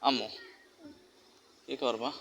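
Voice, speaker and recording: Male vlogger, parent, bright tone; coaxing, fussing, scolding a small child off-camera. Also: mid-range voice, fairly even intonation, takes it slowly, creaky, a little hiss or hum. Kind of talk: casual handheld vlog talk.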